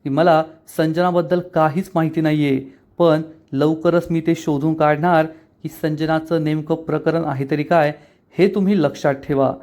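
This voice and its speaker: A man voicing a defiant, sharp-tongued young woman as he retells a TV episode. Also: fairly high pitch, fairly even intonation, moderate pace, lightly acted.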